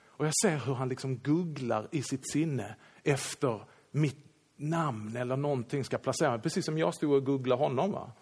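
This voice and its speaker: A man, a Swedish pastor, telling a lively anecdote in a sermon and acting out the quoted lines. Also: medium pitch, husky. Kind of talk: sermon storytelling.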